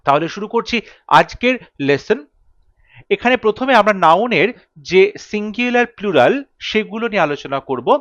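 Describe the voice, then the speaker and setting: A man's voice: high voice, animated, moderate pace, fairly bright tone, no room sound, muffled recording. A man with a Bengali accent teaching an English grammar lesson, patiently spelling out letters and repeating word pairs. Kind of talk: lesson explanation.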